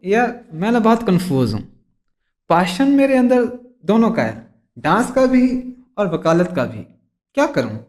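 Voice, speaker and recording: A boastful, bumbling lawyer played by a man, pleased with himself and tripping over his English. His voice sits a little high for a man, and he drags out his English phrases slowly. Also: sing-song. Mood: cheeky. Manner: slow, stumbling, self-satisfied English phrases. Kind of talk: comedy sketch.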